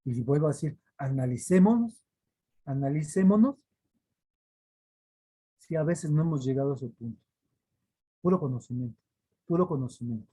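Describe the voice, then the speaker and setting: A man preaches a weekly devotional, earnestly repeating phrases for emphasis and sometimes acting out the voices he quotes. His mid-range voice is mellow with a breathy edge, fast but with frequent pauses. The audio is poor.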